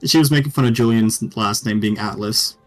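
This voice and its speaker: A man's voice: fairly low pitch, a little fast, faint music behind. A man running a tabletop game as dungeon master, bantering and swearing freely with his players. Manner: profane, joking banter.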